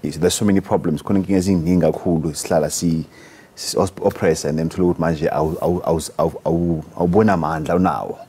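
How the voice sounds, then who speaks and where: A South African man speaking as an interview guest and coach, explaining conversationally in a halting way. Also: deep voice, steady tone, warm tone, breathy edge. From Free State, South Africa. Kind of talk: conversational explaining, switching languages.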